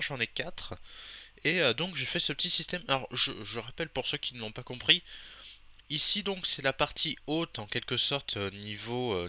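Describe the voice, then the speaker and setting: A man's voice: mid-range voice, pushed and bright. A young man casually narrating his gameplay to viewers, hesitant, with many fillers and self-corrections. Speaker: Minecraft server player and video host.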